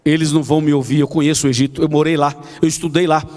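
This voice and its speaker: A man's voice: a little high, flat delivery, racing, a little mellow, big-room sound, close to an everyday voice. A man voicing Moses as a reluctant man pleading with God, his questions rising, as he retells the story in a sermon. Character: reluctant Moses, adult man, making excuses.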